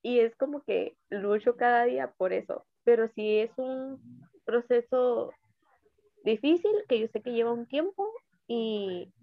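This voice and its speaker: A young woman with a Mexican accent tells a personal story of grief, halting and searching for her words. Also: fairly high pitch, vocal fry, dry recording. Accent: Mexican Spanish. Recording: tinny phone-like sound.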